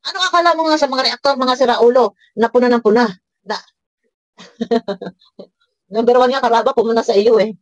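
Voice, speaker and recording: High-voiced scolding woman vlogger. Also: moderate pace, pauses often, no echo, dull audio. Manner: scolding, sarcastic, laughs often. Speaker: reaction vlogger. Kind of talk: reaction commentary.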